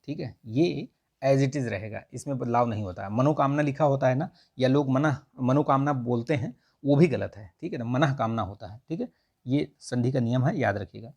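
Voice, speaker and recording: A man's voice: mid-range voice, normal speed, darkish tone. A man teaching grammar for an exam, explaining spelling rules and often checking in with "theek hai". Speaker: Hindi exam tutor. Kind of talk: explaining grammar practice questions.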